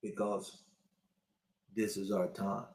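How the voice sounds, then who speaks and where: A man's voice: deep voice, level tone, slow pace, darkish tone, echoey room. A man in his sixties giving a preachy, repetitive motivational talk to his online viewers as a spiritual life coach. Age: 60s.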